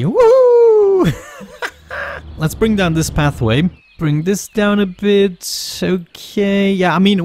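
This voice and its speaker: High-voiced animated man with swollen mouth. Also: slight background noise. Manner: talking with a swollen, sore mouth. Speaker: host of a gaming series. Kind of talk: casual let's play commentary.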